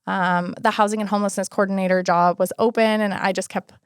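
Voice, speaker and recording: A woman in her early thirties speaks as a podcast guest, her voice smooth and clear. She tells her story casually and acts out what people said. The sound is dry and close, with no room in it. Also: mid-range voice, a little fast, no room sound. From Alaska, United States. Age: 30s. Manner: storytelling, animated quoted asides. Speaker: guest, city housing and homelessness coordinator. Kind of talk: casual interview conversation.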